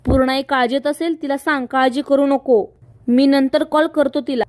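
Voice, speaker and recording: A woman's voice: high voice, fairly even intonation, moderate pace, dry recording, close to an everyday voice. A woman voicing a stern, worried family father in a retold serial story. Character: angry worried adult man, family father.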